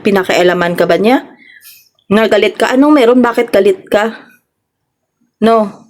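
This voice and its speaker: A Filipino woman vlogger delivers a casual reaction commentary with a voice pitched a little high. She scolds and confronts, firing off rhetorical questions one after another. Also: darkish tone. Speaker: vlogger reacting to online drama.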